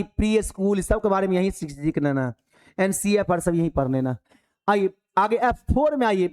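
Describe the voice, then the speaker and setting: A male teacher giving a lively classroom lecture, animated and preachy, full of rhetorical questions. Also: high voice.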